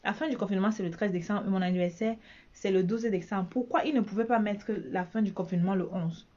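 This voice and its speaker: Speaking quickly in a mid-range, slightly mellow voice, a woman from Cameroon with a Cameroonian French accent vlogs casually as a bridal shop owner, often repeating herself. The high frequencies in the audio are cut off.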